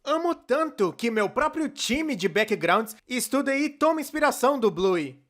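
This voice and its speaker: In a scripted fan dub, a man with a Brazilian accent plays a chatty, excitable young male cartoonist narrator who is playfully sarcastic, and his mood is chatty and enthusiastic. His voice is very high, expressive and fairly bright, at a moderate pace.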